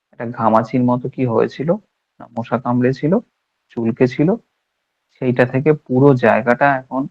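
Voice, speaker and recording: A man's voice: medium pitch, vocal fry. Indian man lecturing on homeopathy, lo-fi audio. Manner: emphatic, acts out patients' complaints in quoted voices. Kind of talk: lecture on remedies.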